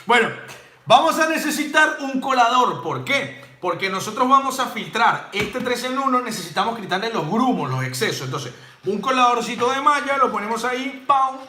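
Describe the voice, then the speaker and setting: Bartending teacher, high voice, chatty and playful, roomy room with music behind. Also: male voice, sing-song, normal speed, pushed and bright. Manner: chatty and jokey, with playful sound effects and casual swearing. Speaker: bartending instructor. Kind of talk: casual live drink-making demo. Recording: roomy home space with music playing.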